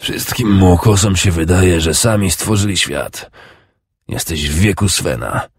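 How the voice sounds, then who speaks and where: A man voicing an old wounded Danish king who is scornful and bitter, with a rasping, contemptuous growl. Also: low voice, unhurried, no room sound, studio quality, full character voice.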